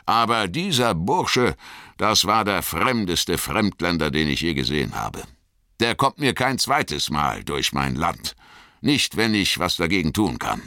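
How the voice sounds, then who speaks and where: A man voicing a stout, red-faced hobbit farmer in an audiobook, gruff but hearty, with a loud, folksy manner. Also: deep voice, big pitch swings, unhurried, dry recording, studio quality, full character voice. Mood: grumbling. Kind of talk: audiobook character voice.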